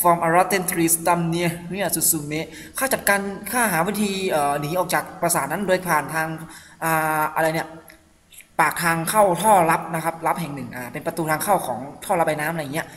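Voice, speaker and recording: A man hosting a gaming channel, giving lively let's-play commentary and translating the game's English text aloud. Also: a little high, moderate pace, slight background noise. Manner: excitable, reads and translates in-game English aloud. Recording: hall-like reverb with game music behind. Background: game music and sound effects.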